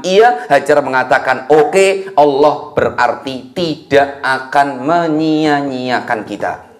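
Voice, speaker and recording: A man with a Javanese accent preaching a sermon, telling a story in a lively way with folksy asides to his listeners. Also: medium pitch. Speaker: Islamic preacher. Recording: echoey room.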